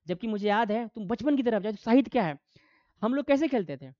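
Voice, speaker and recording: A man's voice: high voice, a little fast, no echo, lo-fi sound. A man teaching a classroom lecture, asking his students questions and answering them himself, acting out quoted voices. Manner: animated, acts out quoted voices.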